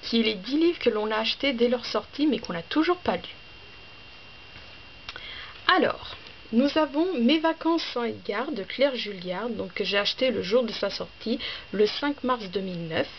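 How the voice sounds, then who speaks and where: A woman's voice: on the high side, animated, moderate pace. A woman talking casually in a book vlog, listing titles in a hesitant, chatty way with many fillers and restarts. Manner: chatty, listing items one by one. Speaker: book vlogger. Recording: slightly dull with faint background noise.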